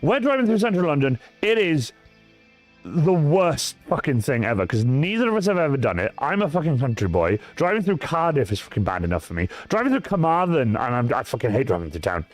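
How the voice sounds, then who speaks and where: A man's voice: fairly high pitch, fairly quick, soft background music. A man from the countryside, chatting on a livestream and telling a story in a rant full of swearing. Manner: animated, swearing storyteller ranting to chat. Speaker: cosplay livestreamer. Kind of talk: casual livestream chat.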